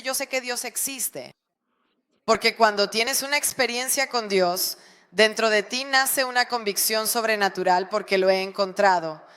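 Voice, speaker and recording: A woman pastor preaching a sermon to a congregation, with animated rises and drops of emphasis. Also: a little high, clear, resonant tone.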